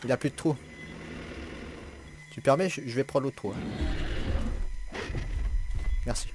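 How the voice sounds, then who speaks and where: A man's voice: mid-range voice, measured pace, noisy background. A man giving casual gameplay commentary, teasing the dinosaur he hunts, swearing and laughing often. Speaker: gaming YouTuber.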